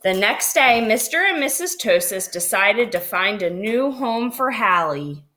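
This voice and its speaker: Female storyteller for a picture book read-aloud, very lively intonation, dramatic stretched phrases. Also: medium pitch. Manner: animated, drawn-out dramatic phrasing.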